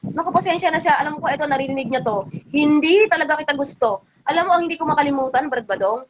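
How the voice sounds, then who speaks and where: Fast-talking high-voiced woman hosting a livestream. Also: a little hiss or hum. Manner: indignant, scolding, talks fast. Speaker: livestream host. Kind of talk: casual livestream chat.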